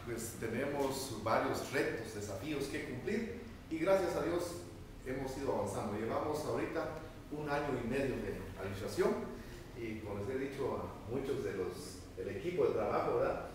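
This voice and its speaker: A man's voice: medium pitch, lively intonation, moderate pace. A middle-aged man, a town mayor, giving an informal welcome speech, hesitant and full of fillers, filmed by a far camera in a meeting room. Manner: hesitant, many fillers and tag questions. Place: medium indoor meeting room. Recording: echoey room, noisy, from far off.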